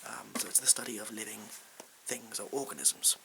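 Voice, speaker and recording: A man playing a bumbling, self-important supply science teacher in a whispered role-play, hesitant and rambling, with deadpan asides. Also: fairly low pitch, fairly quick, creaky. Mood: hesitant, bluffing. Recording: hissy background noise.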